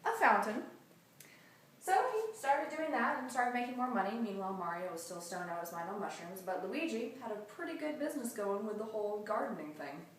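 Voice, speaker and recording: This woman tells a made-up comic story in a loose, chatty way, dropping offhand remarks as she goes. She talks fast with few pauses in an expressive, mid-range voice. The mic is far away in an echoey room, and there's faint noise.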